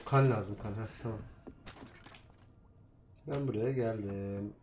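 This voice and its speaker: A man commenting casually on his own gameplay, muttering to himself and now and then turning loudly indignant at enemies. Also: on the low side, takes it slowly, slight background noise. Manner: talks to himself and swears at enemies, swings from mumbling to loud indignant outbursts. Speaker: gamer playing a vampire game. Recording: echoey room with keyboard clicks. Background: keyboard typing and clicks.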